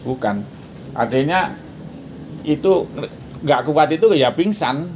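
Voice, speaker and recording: A man in his sixties, a podcast guest, talking casually and shouting out drill counts now and then. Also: fairly high pitch, lively intonation, takes it slowly. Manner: shouts out karate counts when demonstrating. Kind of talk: casual interview. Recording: noisy background.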